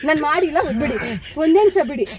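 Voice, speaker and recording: A woman's voice: high voice, expressive, quick pace, a loud crowd. A woman pleading frantically inside a car, repeating sir again and again. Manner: begging, repeats sir over and over. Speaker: prank target passenger.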